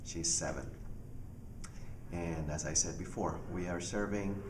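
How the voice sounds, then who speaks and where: Deep-voiced pastor, echoey room. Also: male voice. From Panama. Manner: earnest, halting, with many restarts and fillers. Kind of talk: personal ministry testimony. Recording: echoey room, far from mic, audible noise.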